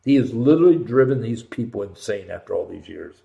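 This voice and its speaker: An American man hosting a talk show, delivering an impassioned political rant with emphatic, punchy repetition and swings between loud and hushed. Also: lowish voice, animated, fairly quick, vocal fry. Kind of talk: impassioned political monologue, ranting. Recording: roomy, echoing sound.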